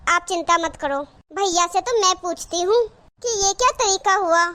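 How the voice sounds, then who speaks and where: A woman voicing a chatty young married sister in a cartoon, with a very high, bright voice. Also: normal speed. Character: cheerful young married sister visiting her brother. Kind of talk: cartoon voice acting.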